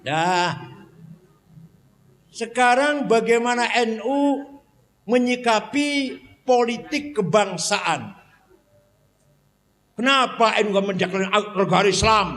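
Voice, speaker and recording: Male preacher, high voice, unhurried, animated question-and-answer delivery, recorded in a reverberant mosque hall. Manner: animated, asks the crowd questions and answers them himself. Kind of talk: sermon. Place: large mosque.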